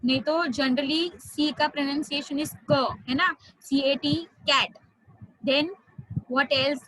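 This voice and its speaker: Indian woman French tutor, high voice, slow and patient, mixes in Hindi. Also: steady tone, a bit bright, dry recording, poor audio. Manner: explains slowly, switches into Hindi, spells words out. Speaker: French teacher. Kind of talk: online class teaching.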